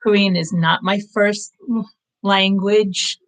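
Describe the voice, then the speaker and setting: A fifty-nine-year-old woman, a native English speaker who hosts her own language-learning channel, gives a casual live-stream update through her streaming setup. Her mid-range voice stays steady and unhurried, and she sounds earnest, reflective and encouraging. The audio quality is poor.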